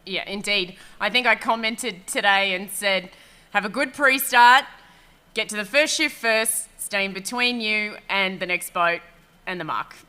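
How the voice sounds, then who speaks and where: A woman with an Australian accent hosts a sailing chat show, mixing casual conversation with race commentary. Her medium-pitched voice is bright, smooth, and forceful, and she speaks unhurriedly. She comes across upbeat and chatty, laughing easily.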